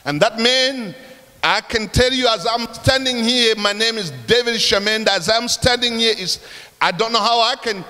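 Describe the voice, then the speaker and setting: A man's voice: extremely high pitch, normal speed, sharp tone. A man from Africa preaching a sermon, telling a story emphatically and addressing the congregation directly. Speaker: pastor. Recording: long hall reverb.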